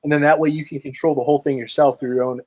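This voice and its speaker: A man's voice: fairly high pitch, steady tone, racing, darkish tone. A man telling a story in casual chat on a video call, tagging his sentences with "right?". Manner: rambling storytelling, tags lines with "right?". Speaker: podcast guest, marketer.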